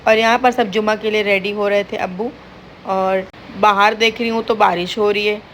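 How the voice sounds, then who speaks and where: A woman's voice: medium pitch, steady tone, normal speed, fairly bright tone, slight background noise. A young woman chatting to viewers in a casual home vlog, recorded indoors. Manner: chatty, addresses viewers directly. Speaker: vlogger.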